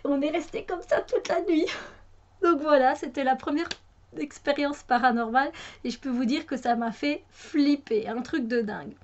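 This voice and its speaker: High-voiced chatty Belgian woman. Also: normal speed, darkish tone, dull audio. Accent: Belgian French. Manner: chatty, hesitant with many fillers and restarts. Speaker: YouTuber. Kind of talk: casual chat to camera.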